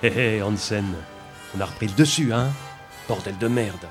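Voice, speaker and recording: A man's voice: lowish voice, normal speed, music in the background, pitched below the performer's own voice, natural voice. A man voicing a coarse, slangy Arctic trapper who drawls out his words, in an audiobook reading. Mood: gruff. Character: gruff coarse-talking Arctic trapper man, crafty and easygoing.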